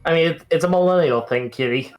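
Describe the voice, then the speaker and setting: A man's voice: a little high, fast talker, soft background music. A man in a casual stream chat, teasing his friends and laughing easily.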